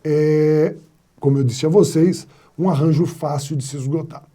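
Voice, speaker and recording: A man's voice: on the high side, fairly even intonation, moderate pace, mellow. A man teaching a grammar video lesson, explaining step by step and posing rhetorical questions to his students. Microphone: wired mic.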